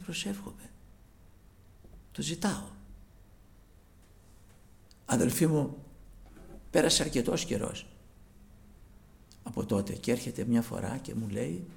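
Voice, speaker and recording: A man preaching a sermon, moving from quiet storytelling to loud fervent peaks. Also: mid-range voice, vocal fry, a little hiss or hum. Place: church broadcast live.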